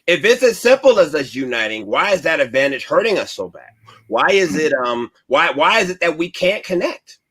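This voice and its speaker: A man's voice: fairly high pitch, sing-song, normal speed, fairly bright tone, slightly rough. A man hosting a radio talk show, talking in an earnest, searching way with frequent restarts. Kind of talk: casual radio discussion.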